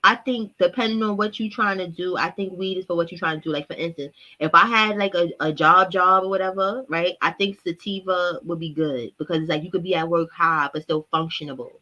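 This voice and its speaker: A woman's voice: on the low side, a little fast, hardly any pauses, pushed and bright, highs cut off. A woman hosting a casual podcast chat over an online call, talking loosely and profanely and rambling with frequent laughter. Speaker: host.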